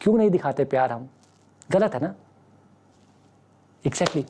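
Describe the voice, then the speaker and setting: Male maths teacher with a warm, mellow voice, fatherly and fond of rhetorical questions, giving an online class pep talk. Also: fairly high pitch, expressive, measured pace, slight background noise. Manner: fatherly, addresses students as beta, asks rhetorical questions.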